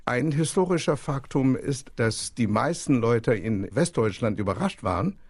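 A man's voice: medium pitch, expressive, moderate pace, no room sound. A man from China, a guest on a radio panel discussion, who argues his points emphatically. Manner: emphatic, argumentative.

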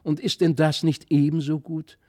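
This is a man giving voice to a mysterious fairy child in an audiobook fairy tale. The tone stays soft, earnest and a little wistful. The voice sits slightly high, with a mellow, dark timbre in a dry, close recording. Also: flat delivery, moderate pace, dry recording, natural voice. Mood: gentle.

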